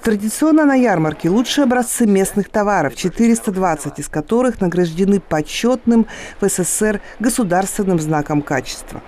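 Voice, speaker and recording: A woman's voice: mid-range voice, expressive, a little fast, dark tone. A woman reporter reading a scripted news voice-over with a lightly wry commentary.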